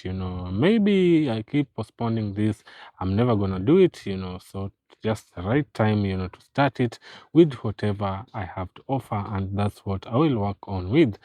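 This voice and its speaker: A Kenyan man in his twenties talking to the camera in a casual vlog, recorded on a phone, earnest and filling every pause with "you know". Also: fairly low pitch, warm tone, no room sound. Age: 20s. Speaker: vlogger.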